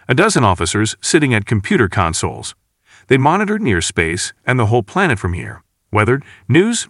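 A man reading his own novel aloud as an audiobook, with an expressive storytelling delivery. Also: on the low side, no echo, studio quality. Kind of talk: audiobook narration.

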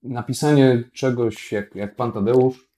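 A man hosting a casual talk show, explaining his points in a calm, measured way. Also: medium pitch. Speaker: podcast host. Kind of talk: casual chat.

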